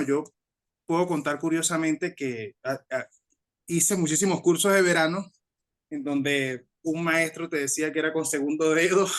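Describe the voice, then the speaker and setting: A Mexican man speaking in a slightly higher than usual voice, working through his ideas aloud. He pauses, restarts phrases and tags his points with a questioning "no?" in an unhurried conversational interview. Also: fairly bright tone. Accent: Mexican Spanish. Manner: thoughtful, hesitant, with frequent restarts and tag questions. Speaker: guest musician.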